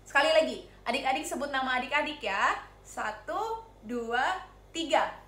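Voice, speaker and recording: A woman with an Indonesian accent teaching Sunday school, telling a story to young children in an animated, sing-song way and asking them questions. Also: high voice, reverberant, a little hiss or hum.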